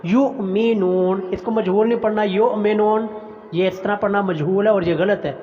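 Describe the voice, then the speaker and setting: A man teaching a Quran recitation lesson, chanting words slowly and drawn out, then explaining pronunciation in quick plain talk. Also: high-pitched, steady tone. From Pakistan. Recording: dull audio with long reverb.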